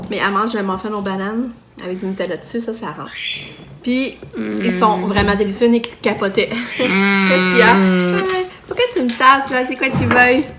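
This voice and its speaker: A woman's voice: mid-range voice, background noise. A young woman with a Quebec French accent, casually narrating a home vlog and chatting with her toddler. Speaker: mother vlogger. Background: background music.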